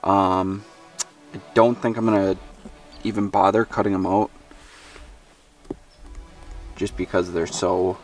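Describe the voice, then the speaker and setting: A young fishing vlogger chats casually while cleaning and cooking fish by a forest lake, thinking aloud with lots of fillers and self-deprecating asides. His low, level voice is slow with frequent pauses and faint music behind, recorded from a distance on a handheld and ground-mounted camera mic.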